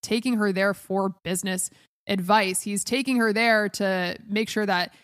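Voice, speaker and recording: A woman co-hosting a TV recap podcast, talking at a medium pitch. She speaks casually and with animation. Her voice is recorded close and dry, with no room sound. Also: measured pace, dry recording. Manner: animated, quotes characters in passing. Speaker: podcast co-host.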